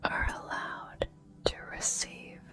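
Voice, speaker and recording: A woman gives a whispered ASMR pep talk of affirmations in a soft, breathy, deliberate and reassuring way, with pauses between phrases. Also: music in the background.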